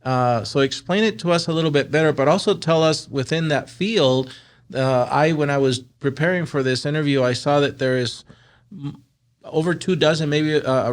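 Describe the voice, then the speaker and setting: A man's voice: on the high side, moderate pace. Chatty man hosting a podcast. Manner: chatty, thinks aloud with fillers. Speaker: podcast host. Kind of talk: interview host questions. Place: wood-panelled studio set. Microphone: desk mic on a stand.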